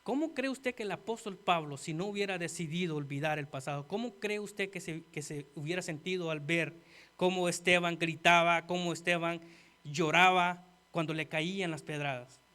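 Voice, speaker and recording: A man preaching a sermon earnestly, talking straight to the congregation and swinging from quiet asides to loud emphasis. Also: on the high side, normal speed. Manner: earnest, addresses listeners as "hermano".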